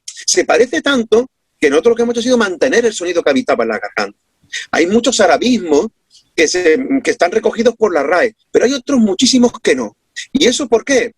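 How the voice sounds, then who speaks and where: A man from Córdoba with an Andalusian accent explains his ideas as an interview guest from home over a video call. His fairly high, husky voice swings widely in pitch as he presses his points with rhetorical questions. The sound is close and dry. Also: no echo. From Córdoba, Andalusia, Spain. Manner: emphatic, rhetorical questions, lecturing.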